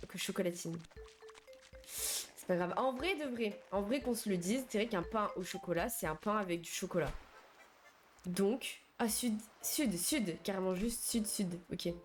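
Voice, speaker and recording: A woman's voice: mid-range voice, a little slow, slight background noise. A young woman streamer chatting casually and slangily with her viewers while she plays, answering their messages as they come in. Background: faint game music.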